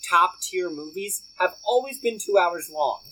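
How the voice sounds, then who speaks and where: Animated rambling podcast co-host, male. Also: high-pitched, unhurried, rough recording. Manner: emphatic, rambling with many fillers. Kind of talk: casual movie chat.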